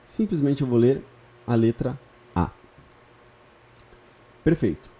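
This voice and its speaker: A man teaches a lesson one small step at a time, repeating each point and checking that the listener follows. His voice is very dark and mellow, sitting at a middle pitch. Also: big pitch swings, takes it slowly. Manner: patient, repeats key points with frequent check-ins. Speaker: Hebrew teacher. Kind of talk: online lesson, explaining step by step.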